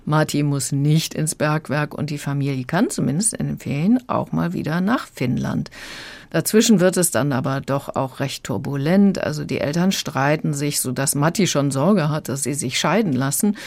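Low-voiced woman reviewing a book. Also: normal speed, no room sound. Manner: calm, reflective, laughs lightly. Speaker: book critic.

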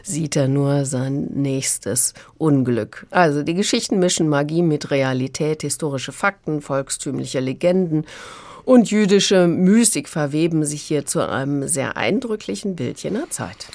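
A woman literary critic giving a measured radio review that is appreciative but frank. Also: deep voice, lively intonation, darkish tone, dry recording.

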